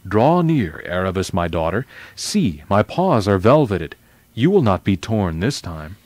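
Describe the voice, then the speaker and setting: A man voicing a majestic, wise male lion in a children's story read aloud, speaking slowly and gravely. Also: low voice, big pitch swings, a little mellow, dry recording, pitched below the performer's own voice, heavily acted. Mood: solemn. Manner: slow, grave, deliberate speech. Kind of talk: reading a children's novel aloud.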